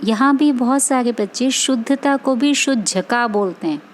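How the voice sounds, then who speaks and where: A woman's voice: on the high side, moderate pace, rough recording. A woman music teacher giving an online class, patiently correcting her pupils' pronunciation word by word. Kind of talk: online class lesson on singing a prayer.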